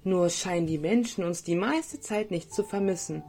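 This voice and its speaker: A woman's voice: fairly low pitch, moderate pace, soft background music, voice pushed up, natural voice. A woman voicing a cheerful, giggling little angel child in a children's story. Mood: giggly. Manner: giggly, bright and playful.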